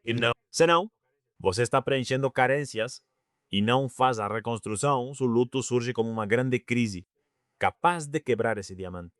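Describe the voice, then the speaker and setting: Reflective male podcast host, smooth dry voice. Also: medium pitch, no echo. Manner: reflective, asks follow-up questions. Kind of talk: podcast conversation.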